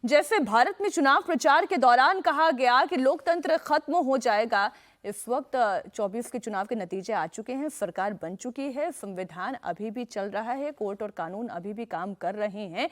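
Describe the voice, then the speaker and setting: A woman's voice: on the high side, lively intonation, moderate pace. A woman news anchor moderating a TV debate, asking pointed, probing questions.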